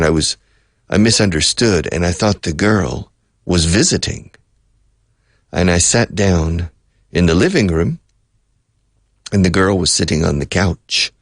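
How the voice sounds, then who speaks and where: A man's voice: sits low, gravelly, no room sound, clean studio sound. An older man, a radio host, telling a rambling personal story from his youth and correcting himself as he goes. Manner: rambling, reminiscing, with self-corrections. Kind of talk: storytelling monologue.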